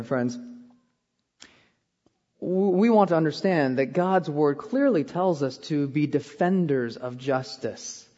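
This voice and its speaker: A man's voice: on the high side, a little mellow, in a large hall, muffled recording. A man, preaching a sermon as pastor and telling self-deprecating stories with frequent "okay?" asides. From born in Korea, raised in Iowa. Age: 30s.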